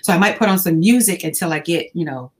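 A woman with a slightly low voice speaks as a guest in a relaxed interview. She is calm and measured and often laughs as she talks. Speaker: school staff working with students. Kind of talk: casual interview conversation.

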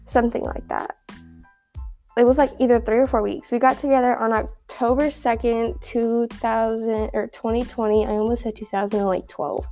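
Teen girl podcaster from Texas, casual slangy chatter, warm tone, muffled by a mask. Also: on the high side, little pitch movement, moderate pace, soft background music. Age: teens. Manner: rambling, slangy, giggly. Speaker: podcast host. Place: at school.

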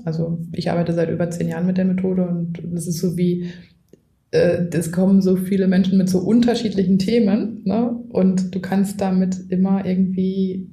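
A woman's voice: lowish voice, level tone, moderate pace, warm tone, roomy sound. A woman coach, a guest in a podcast interview, who explains at length and often adds a tag question. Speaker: coach and trainer.

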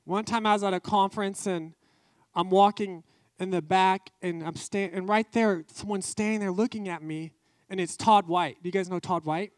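A man with a fairly high voice preaches a testimony sermon with fervent emphasis. He drives his key phrases home by repeating them. The sound is dry and close, with no room echo. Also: steady tone, normal speed, clear, resonant tone.

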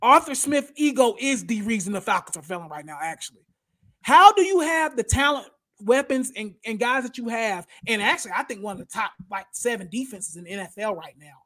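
A man's voice: extremely high pitch, big pitch swings, fairly quick, bright, forceful tone. A man hosting a casual sports talk show, blunt and opinionated, who often says "bro" and "y'all". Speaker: podcast host.

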